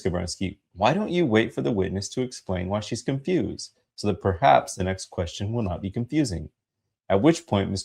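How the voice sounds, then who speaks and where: A man giving a dramatic reading of a court transcript as an attorney, formal and emphatic, with a gravelly, husky voice. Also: on the low side, darkish tone. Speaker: reader voicing an attorney in a hearing.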